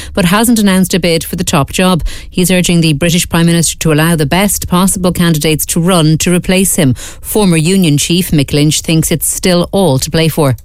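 An Irish woman reading a scripted radio news bulletin in a measured, formal way. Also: fairly low pitch, dry recording. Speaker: newsreader. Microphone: studio microphone.

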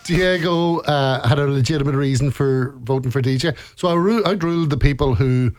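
A man's voice: mid-range voice, brisk, dry recording. Northern Irish man, dry close sound. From Northern Ireland, County Antrim. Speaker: interview guest, reality show contestant. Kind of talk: casual conversational storytelling.

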